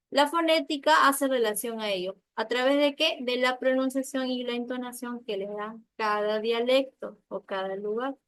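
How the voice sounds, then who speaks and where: A woman from Peru with a Peruvian accent teaching an online class, explaining step by step and often checking with quick tag questions. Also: on the high side, no echo. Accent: Peruvian Spanish.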